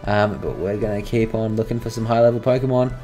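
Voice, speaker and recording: A man's voice: fairly low pitch, steady tone, brisk, mellow, faint music behind. A man, rambling chattily through let's-play game commentary and talking to his in-game creatures. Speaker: gaming channel host.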